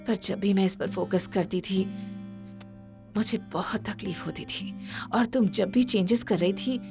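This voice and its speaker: An actress dubbing an older widowed mother who speaks slowly and haltingly, with heartfelt pauses. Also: mid-range voice, close to an everyday voice. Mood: remorseful. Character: widowed mother and magazine head, proud but remorseful. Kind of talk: Hindi movie dub. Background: background music.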